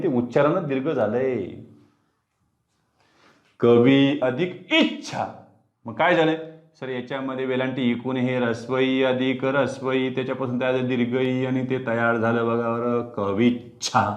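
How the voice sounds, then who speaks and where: A man teaching a grammar lesson online, explaining step by step and asking his students questions. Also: medium pitch. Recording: dull, roomy sound.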